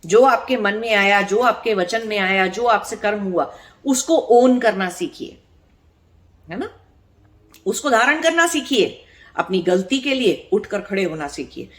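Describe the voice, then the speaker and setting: A woman's voice: mid-range voice, expressive, measured pace. A woman spiritual teacher giving an earnest spiritual discourse, explaining her points with rhetorical questions and repeated words for emphasis. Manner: explanatory, asks rhetorical questions and checks in with the listener.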